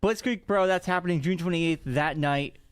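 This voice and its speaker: A man co-hosting a podcast in casual chat, animated and quick to laugh. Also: clean tone, no room sound, clean studio sound. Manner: animated, jumps in pitch when excited. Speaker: podcast co-host.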